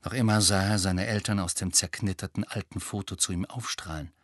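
A man reading a novel aloud as an audiobook narrator, measured and expressive. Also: low-pitched, no room sound, studio quality.

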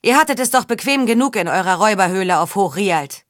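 A woman's voice: medium pitch, lively intonation, fast, no echo, studio quality, lightly acted. A woman reading the part of a resolute young female leader in an audiobook, speaking firmly.

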